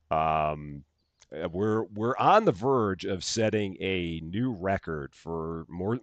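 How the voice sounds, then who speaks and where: A middle-aged man from the Chicago area, with a general American accent and a low-pitched voice, hosts a live gaming stream. In a dry recording, he greets viewers by name in upbeat, casual chatter packed with fillers and restarts.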